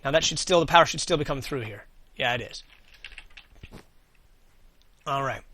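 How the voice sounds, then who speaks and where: A man's voice: medium pitch, moderate pace, pushed and bright. A man giving casual gameplay commentary as host, thinking aloud and answering his own questions as he goes. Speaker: gaming video host.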